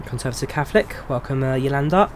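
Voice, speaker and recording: A fast-talking flight sim streamer with a medium-pitched voice chats with his live audience and fields their questions. He's in his twenties, from England with an English accent, relaxed and chatty, often saying "um," and the recording carries a little hiss or hum.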